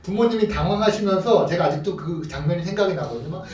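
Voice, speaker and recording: A man's voice: high voice, fast, reverberant, distant mic. A middle-aged man from Korea preaching a sermon as a pastor, telling stories and asking the congregation questions. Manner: animated storytelling, asks the congregation questions.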